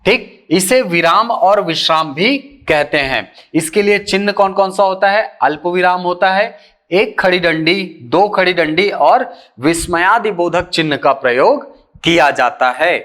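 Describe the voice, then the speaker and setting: A man giving an exam-prep lecture who keeps asking rhetorical questions and answering them himself, slowly stretching the key terms. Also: high-pitched, a bit bright. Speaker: teacher.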